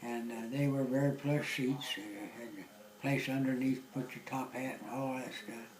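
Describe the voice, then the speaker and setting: An older man from southwest Virginia with an Appalachian accent, casually recounting memories in a folksy, halting way. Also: mid-range voice, steady tone, a little mellow, reverberant, rough recording. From southwest Virginia, United States. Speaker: interviewee recounting local memories. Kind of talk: casual oral-history reminiscing.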